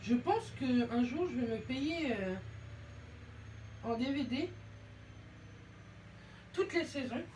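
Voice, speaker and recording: A woman's voice: high voice, animated, takes it slowly, pauses often, a little mellow, a little hiss or hum. A young woman from France chatting casually and rambling with self-mockery while doing her makeup at home. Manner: rambling, self-mocking, slangy. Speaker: beauty vlogger.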